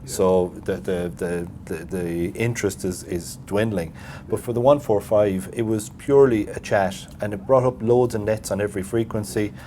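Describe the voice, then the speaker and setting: Low-voiced West of Ireland man. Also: normal speed, few pauses. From Galway, Ireland. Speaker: president of a voluntary radio society. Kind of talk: casual interview chat. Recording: steady background noise with low rumble.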